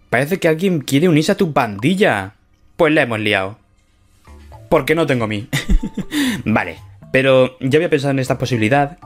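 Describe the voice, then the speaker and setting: A man with a Spain Spanish accent hosting a casual gameplay video, chatty and playful, laughing often as he talks. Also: lowish voice. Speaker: gaming let's-play host.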